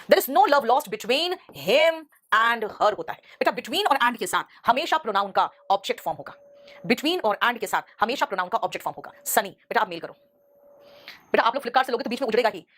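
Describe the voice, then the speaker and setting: A quick-talking woman teacher holds a live online grammar class, her voice sitting a little high. She drills each rule over and over and calls her students "beta". Now and then she breaks off to scold someone. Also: expressive, fairly bright tone. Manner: repeats rules, mixes Hindi with English examples.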